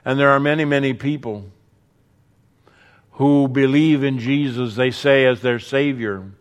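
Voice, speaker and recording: A man preaching a sermon, earnest, building emphasis through repetition and dropping softly on key words. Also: mid-range voice, steady tone, measured pace, clean tone.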